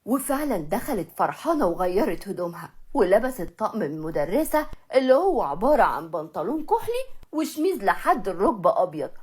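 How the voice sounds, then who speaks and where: A woman with an Egyptian accent narrating a comic story in a lively, chatty way. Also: medium pitch, breathy edge.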